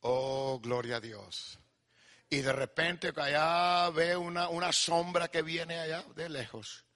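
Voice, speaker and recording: A man preaching a fervent sermon, swinging from hushed storytelling to shouted exhortation and mixing in English asides. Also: on the high side, steady tone, takes it slowly. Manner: mixes Spanish with English asides. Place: church service.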